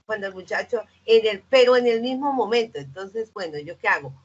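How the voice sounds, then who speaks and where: A woman's voice: medium pitch, expressive, a little fast, breathy edge, highs cut off. A woman teacher asking the speaker a question from the audience, hesitant and restarting her sentences.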